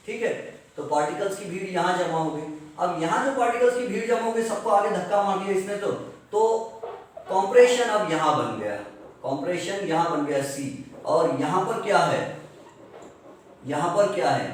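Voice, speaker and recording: A male science teacher giving a classroom lecture, explaining step by step and slowly dictating definitions. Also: sits high. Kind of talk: classroom lecture mixing Hindi and English. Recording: echoey room from far off.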